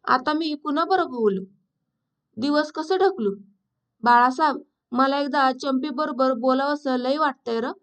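A woman's voice: sits high, unhurried, pauses often. A woman reading as Shari, a sad blind village woman. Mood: sorrowful. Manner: rustic village speech, sorrowful.

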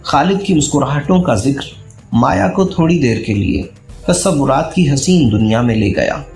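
A man narrating a historical novel in an expressive, dramatic reading style. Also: medium pitch, moderate pace, gravelly. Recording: echoey room with faint music.

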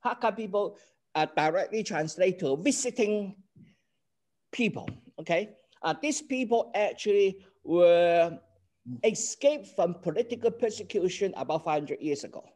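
An older Hong Kong man, native in Cantonese and speaking with a Hong Kong accent, gives a class lecture over a video call. His voice sits high and sounds animated and a little mellow at a measured pace, and he explains earnestly while checking in with "okay?"

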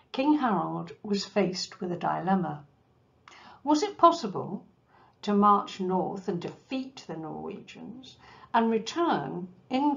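A woman delivers a history talk at an unhurried, deliberate pace, telling the story with small asides to her listeners. Her voice sits in a middle register. The recording is dull and lo-fi. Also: mid-range voice, creaky. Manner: measured storytelling with asides to the audience. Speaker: cruise ship enrichment lecturer. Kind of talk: history lecture over slides.

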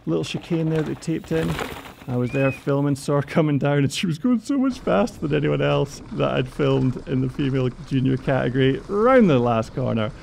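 A man's voice: a little high, lively intonation, brisk, gravelly, darkish tone, a little hiss or hum. A man presenting a bike race course, giving upbeat, chatty voice-over commentary and laughing between remarks.

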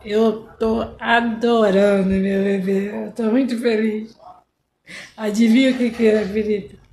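A woman voicing a lovesick adult woman who leaves syrupy, drawn-out love messages for several men, in a comic sketch. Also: medium pitch, mellow, echoey room, a little hiss or hum, natural voice. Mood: giddy. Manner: syrupy, cooing, drawn-out endearments.

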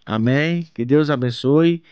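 A Brazilian man reads scripture at an unhurried, solemn pace. His voice sits a little high and comes through smooth and resonant. The recording is close and dry, with a dull, lo-fi tone. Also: no echo. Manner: slow, measured, solemn reading. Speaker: channel host reading scripture. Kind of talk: Bible reading.

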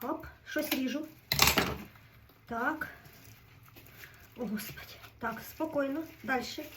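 A woman cooking on camera, giving a fretful running commentary and telling herself to stay calm. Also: sits high, slow, far from the mic, heavy background noise. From Ukraine. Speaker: home cook vlogger.

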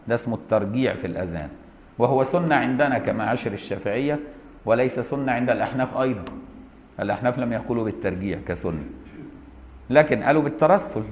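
Fast-talking Egyptian sheikh teaching jurisprudence. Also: male voice, medium pitch, muffled recording. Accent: Egyptian Arabic. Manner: switches between reading formal text and lively colloquial explaining; asks students rhetorical checks. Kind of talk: classroom lesson on a commentary text.

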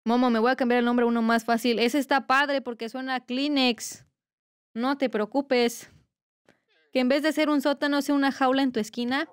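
A woman's voice: high voice, steady tone, normal speed, clear, resonant tone, no echo, clean studio sound. A young woman, streaming a game and chatting casually, reading viewers' messages aloud in a playful, teasing way. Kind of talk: casual livestream chat while gaming.

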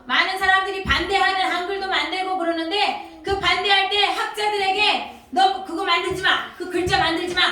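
A woman preaching a children's sermon in a church, animated and sing-song, quizzing the kids directly. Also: extremely high pitch. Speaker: Sunday school teacher. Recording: echoey hall from far off.

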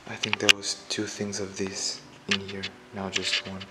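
A man quietly commenting as he explores a dark abandoned house, half-whispering at times, recorded on a handheld camera. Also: lowish voice, completely flat delivery, measured pace, very noisy. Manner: hushed, half-whispered remarks. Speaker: urban explorer.

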